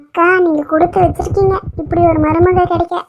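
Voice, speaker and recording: A woman's voice: very high-pitched, flat delivery, fairly quick, a little hiss or hum. A woman voicing a gossipy, complaining middle-aged neighbor aunty in a cartoon. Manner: whiny, complaining.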